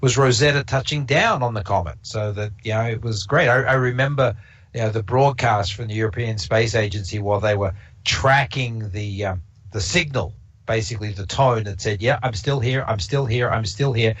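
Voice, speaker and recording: A Canadian man whose first language isn't English gives a casual observatory talk, rambling with lots of fillers and restarts. His voice sits lowish and a bit bright, at a normal speed, heard through slightly dull lo-fi stream audio.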